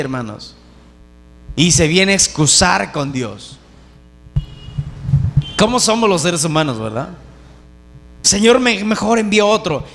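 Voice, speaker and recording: A man's voice: sits high, a bit bright. A male preacher giving a sermon in an emphatic, exhorting way, often calling his listeners brothers.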